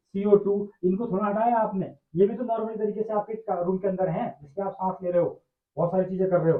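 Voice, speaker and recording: A male chemistry teacher, explaining a lesson, repeating phrases and asking and answering his own questions. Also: sits high. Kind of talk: classroom-style explanatory lecture. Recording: echoey room over tinny phone-like line.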